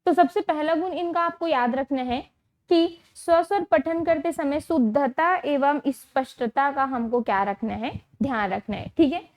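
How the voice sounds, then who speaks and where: A woman teacher giving an exam-prep lecture, repeating key terms slowly and checking understanding with rhetorical questions. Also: high-pitched, darkish tone.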